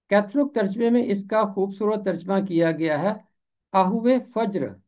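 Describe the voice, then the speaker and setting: The speaker is a man with a high-pitched yet darkish voice, explaining how to pronounce words and what they mean. He says each one deliberately and repeats it slowly, over dull audio.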